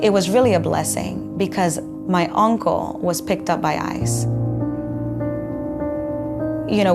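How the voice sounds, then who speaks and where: A woman from the Dominican Republic speaks in a measured, earnest tone as an immigration attorney in a documentary interview. Her voice sits a little low, and a music bed plays clearly under her words.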